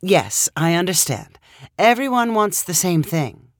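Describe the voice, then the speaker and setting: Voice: mid-range voice, sing-song, unhurried, no echo. A storyteller voicing a dry, unimpressed woman lawyer who talks in a wry, mildly teasing way. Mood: patient. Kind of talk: storybook reading.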